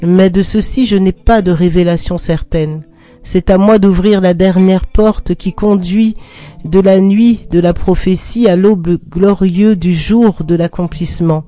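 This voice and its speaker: A reader voicing a solemn, humble male desert prophet in a grave, measured storybook reading, with faint guitar behind. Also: medium pitch, fairly even intonation, mellow, natural voice.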